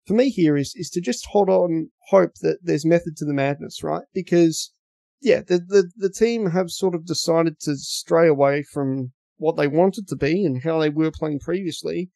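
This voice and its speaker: Australian man, podcast pundit; gravelly, slightly high, blunt and rambling, dry recording. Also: moderate pace, dark tone, no echo. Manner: rambling, blunt, repeats words. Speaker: podcast contributor. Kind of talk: casual football analysis chat.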